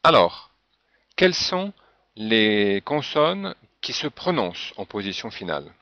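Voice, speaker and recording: A man's voice: lowish voice, very animated, unhurried, pushed and bright, no echo. A man teaching a French pronunciation lesson, patiently spelling out example words one by one. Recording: dull, dry lo-fi recording.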